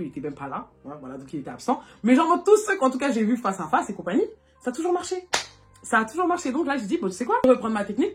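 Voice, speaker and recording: A young woman from France talks at a brisk clip into her phone, spinning a casual storytime for her viewers. She sounds animated and chatty, with a middling pitch, and she keeps stringing thoughts together with fillers and quick laughs. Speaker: vlogger.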